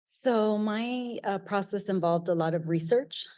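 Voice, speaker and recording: A woman's voice: mid-range voice, unhurried, darkish tone. A woman speaking as an author on a live library panel, explaining her work steadily with some fillers.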